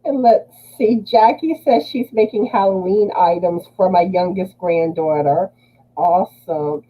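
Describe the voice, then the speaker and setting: Her voice is lowish and warm, at a measured pace, captured in a low-quality recording. She's a Southern US-accented woman hosting a casual livestream chat, often laughing while reading out viewers' names.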